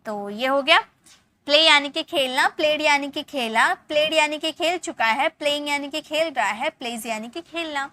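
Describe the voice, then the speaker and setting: A woman teaching an English grammar lesson in Hindi. She explains step by step, checks in often with the listener and reads the English example sentences slowly and deliberately. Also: sits high, sharp tone, no room sound.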